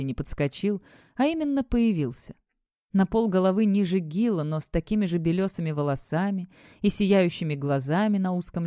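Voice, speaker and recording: A woman narrating an audiobook in a steady, expressive reading voice. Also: mid-range voice, no echo, clean studio sound.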